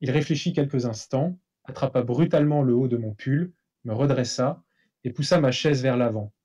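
A man, a novelist, reading a passage from his own book aloud in a steady, measured way. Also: medium pitch, breathy edge, highs cut off. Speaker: author.

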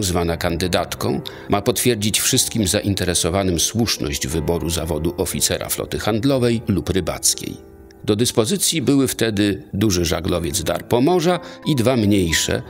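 A man reading scripted documentary narration in a measured, formal way. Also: low voice. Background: soft music.

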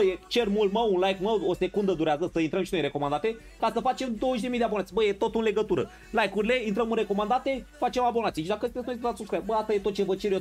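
Male game streamer, high voice, casual live-stream chat, greets viewers, faint music behind. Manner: mock-outraged, excitable.

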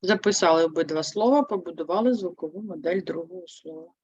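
A woman teaching a primary school language lesson, explaining step by step in a slow, clear manner and answering her own prompts. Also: lowish voice, darkish tone. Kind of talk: online lesson for young pupils. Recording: dry, slightly dull sound.

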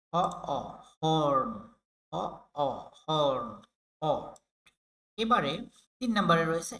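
A man with a bright, fairly high voice, from Bangladesh, gives a phonics lesson for children. He drills each sound slowly, saying every word over and over, patient and clear. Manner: slow, repeats sounds and words many times. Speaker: teacher.

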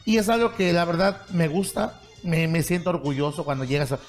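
A man, a comedian co-host, telling a joke on a talk show in an animated, laughing way. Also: a little high, a little fast, soft background music.

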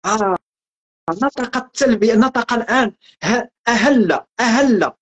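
A man's voice: very high-pitched, normal speed, breathy edge, dull audio. A man with a Moroccan accent giving a spiritual teaching talk as a religious guest, earnest and emphatic, repeating phrases as he builds each point. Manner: earnest, repetitive, preaching emphasis.

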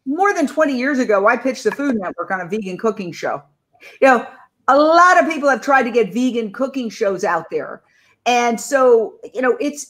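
A middle-aged woman hosting a panel discussion over a video call, chatting and putting questions to guests by name. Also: on the high side. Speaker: panel host.

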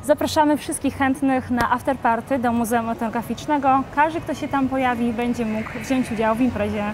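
A young woman with a fairly high voice talks through a dance event schedule in a TV studio interview. She is lively and upbeat, on a lapel mic. Faint background noise runs under her. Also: fairly quick. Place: studio set in a shopping mall.

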